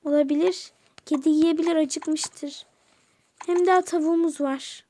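Woman plays a sweet fussing aunt in a toy-game story, very high voice, calls everyone dear. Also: fairly even intonation, a little slow, dark tone. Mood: fond. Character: kind caring aunt, middle-aged woman. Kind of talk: toy game role-play voice-over.

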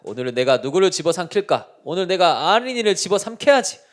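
A man's voice: high-pitched, sing-song, fast talker. A man voicing a gloating devil on the prowl. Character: scheming male devil hunting for victims.

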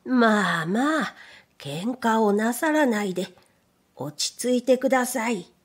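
A woman voicing a polite neighbor cow in a children's storybook, soothing and unhurried. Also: mid-range voice, animated, darkish tone, pitched below the performer's own voice.

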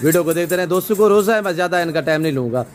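A man's voice: on the high side, animated, racing, faint music behind. A man running a farm vlog outdoors, speaking effusively and packing his talk with blessings while he interviews buyers and shows off his animals. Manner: effusive, many religious blessings. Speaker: goat farm owner and vlogger. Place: outdoor goat farm pens.

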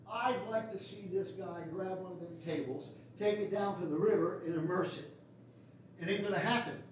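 A man's voice: high-pitched, a little hiss or hum. An older man preaching a sermon as pastor, blunt, folksy and sarcastic. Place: small wooden church sanctuary. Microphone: far camera at the back of the pews. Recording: echoey church from far off.

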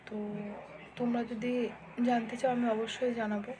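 A young mother, chatting casually in a home vlog, speaking softly so as not to wake her husband, with many fillers. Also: fairly high pitch, flat delivery, normal speed. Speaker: vlogger and mother. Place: sunny home balcony. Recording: clear background noise.

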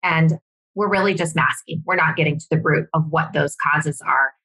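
Low-voiced, bright woman podcast host. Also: slightly rough, low-quality recording. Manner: chatty, quick to laugh along. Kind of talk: casual podcast interview.

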